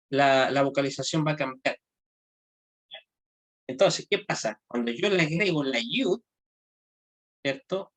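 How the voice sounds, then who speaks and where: Man teaching Hebrew grammar, halting and patient. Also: on the high side. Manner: checks understanding with frequent tag questions; halting, restarts phrases often. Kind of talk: informal classroom lecture.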